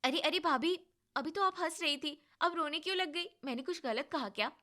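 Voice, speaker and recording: A woman voicing a cheeky, protective young sister-in-law who talks loudly and playfully. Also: sits high, moderate pace, voice pushed up. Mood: affectionate. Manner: loud, playful and bossy.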